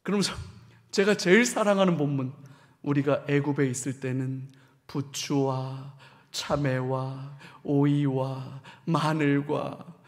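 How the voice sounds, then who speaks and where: A man, a pastor, giving a Bible lecture in a church with animated, humorous storytelling and soft, hushed asides. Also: mid-range voice, slow pace. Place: church hall. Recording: long church-hall reverb.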